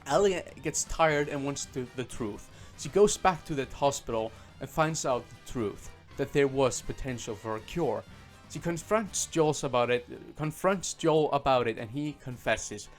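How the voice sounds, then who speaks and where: A man's voice: medium pitch, unhurried, faint music behind. A man giving a casual, sarcastic game review full of swearing and fillers. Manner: sarcastic, profane, many fillers.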